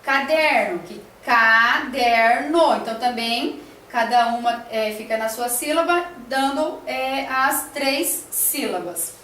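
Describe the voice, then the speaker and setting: A woman's voice: a little high, measured pace, a bit bright, roomy sound, far from the mic, a little hiss or hum. A woman teacher talking through a classroom lesson plan, hesitant, with many fillers and tag questions.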